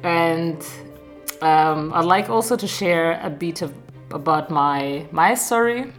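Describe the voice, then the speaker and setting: A woman with a Burundian accent, telling her own story in a casual, halting, conversational way. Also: sits low, soft background music. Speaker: radio show participant telling her story.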